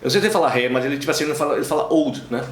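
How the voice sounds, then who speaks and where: A man's voice: on the high side, very fast, echoey room. A man with a Bahian Portuguese accent, an interview guest, rambling through anecdotes with many fillers and restarts. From Brazil, Bahia. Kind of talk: casual interview chat.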